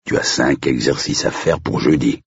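Storybook butler, old and gentle, voiced by a man; deep husky voice, dull dry sound. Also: normal speed, no room sound, full character voice.

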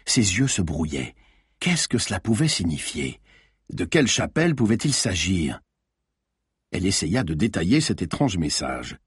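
A man's voice: fairly low pitch, breathy edge, no room sound, clean studio sound. A man reading a thriller audiobook aloud with tense, dramatic narration.

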